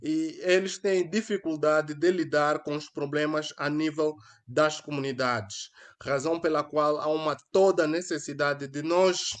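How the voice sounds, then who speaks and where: His voice on the high side with fairly even intonation, a young adult man with an Angolan Portuguese accent unhurriedly hosts a solo live stream. He speaks earnestly yet hesitantly into headphones with a mic, restarting and using fillers often.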